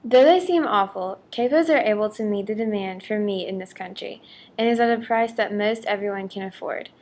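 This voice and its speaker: Mid-pitched woman narrating an infomercial. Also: brisk, darkish tone. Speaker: presenter.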